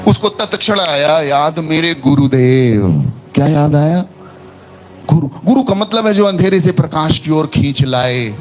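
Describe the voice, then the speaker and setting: Male preacher, slightly high voice, lively sermon storyteller, calls for responses, soft music underneath. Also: moderate pace. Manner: animated, asks the congregation to repeat phrases.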